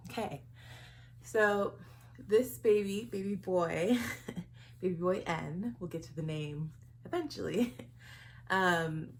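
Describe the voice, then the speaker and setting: A young woman talks through a relaxed vlog in a low, steady voice. She sounds a little out of breath, laughs softly between thoughts and often fills her pauses with um. Faint noise sits under the recording. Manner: chatty, giggly, with many ums. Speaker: vlogger. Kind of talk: casual pregnancy vlog.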